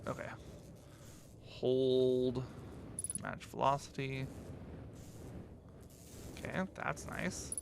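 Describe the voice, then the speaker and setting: A man's voice: mid-range voice, very slow, vocal fry, pauses often, background noise. A man casually commenting as he plays a video game for the first time, curious and thinking aloud. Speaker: gaming channel host. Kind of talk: casual let's-play commentary.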